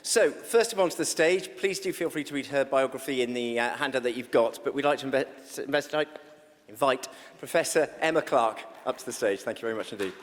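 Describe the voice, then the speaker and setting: A man's voice: mid-range voice, brisk, a little hiss or hum. A man chairing a conference session, introducing the next speaker and stumbling over his words. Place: conference hall. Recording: reverberant hall.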